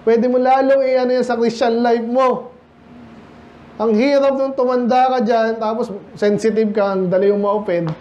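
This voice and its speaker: A man's voice: extremely high pitch, fairly even intonation, normal speed, a little mellow, highs cut off. A Filipino man preaching a sermon as pastor, switching between Tagalog and English and firing rhetorical questions at the congregation. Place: church.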